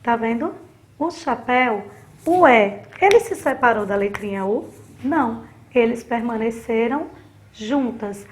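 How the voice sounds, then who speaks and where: A woman's voice: a little high, animated, measured pace. A woman from Sergipe in Brazil, a primary school teacher giving a recorded remote lesson to children, patient and fond of diminutives.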